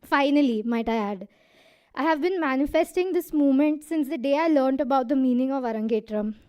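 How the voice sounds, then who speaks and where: Young dancer, Indian English, high-voiced, breathless, earnest thank-you speech on a stage mic. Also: female voice, brisk, mellow. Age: 20s. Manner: earnest, laughs between lines. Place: hall stage.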